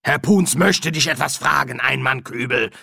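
A man's voice: mid-range voice, normal speed, vocal fry, bright, forceful tone, slightly rough, no echo, clean studio sound, pitched above the performer's own voice, exaggerated voice. A man voicing a stern, bossy older female medium who gives curt orders. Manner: curt, commanding.

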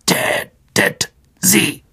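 A man voicing an ancient, blind, irritable male giant spider in a storybook reading, drawing his words out slowly. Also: bright, forceful tone. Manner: drawn-out, slow, raised voice.

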